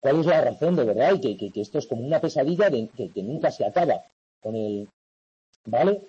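A man's voice: mid-range voice, lively intonation, fairly quick, mellow, breathy edge, muffled recording. A man from tutoring an online university class, explaining coursework patiently and checking often that students follow. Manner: patient, repetitive, frequent "¿vale?" checks.

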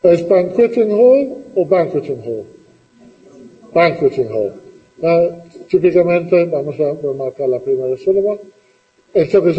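Slow, patient male teacher in a reverberant classroom. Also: on the high side, muffled recording. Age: middle-aged. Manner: slow, patient questioning, repeating students' answers. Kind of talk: classroom lesson with questions to students.

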